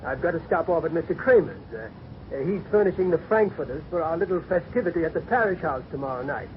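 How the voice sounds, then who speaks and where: Man as a genial, higher-voiced parish priest. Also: expressive, fast, natural voice. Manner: genial, well-spoken, gently teasing. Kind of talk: old-time radio drama acting. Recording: muffled, noisy old radio recording.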